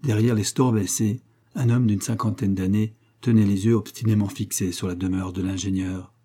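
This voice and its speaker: A man narrating an adventure novel in a measured, even reading. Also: on the low side, breathy edge. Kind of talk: audiobook narration.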